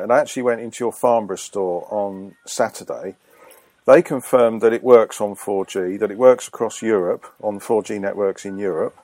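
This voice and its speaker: A man's voice: lowish voice, a little mellow, no room sound. A man phoning a company as a customer, questioning insistently and correcting the person he speaks to. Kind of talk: phone call complaint.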